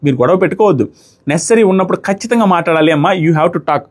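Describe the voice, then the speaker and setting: A man giving a casual, animated review of a reality show and talking straight to his viewers. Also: fairly high pitch, fast, breathy edge.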